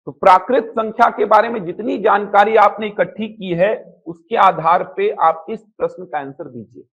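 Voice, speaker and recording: A man with a high voice teaches a live math class. He keeps the students engaged with repeated questions and short answers. The sound is slightly muffled, like lo-fi classroom audio. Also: a bit bright. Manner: drills students with rapid question-and-answer, repeating key points. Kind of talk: live coaching class lecture. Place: classroom with students and online viewers.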